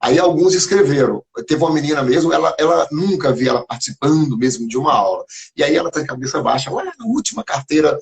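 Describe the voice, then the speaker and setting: A teacher from Minas Gerais, Brazil, guesting on a video live stream, tells casual stories in a gravelly, fairly high-pitched voice at a quick clip. He brings his anecdotes to life by performing the remembered dialogue, heard through a phone or computer mic.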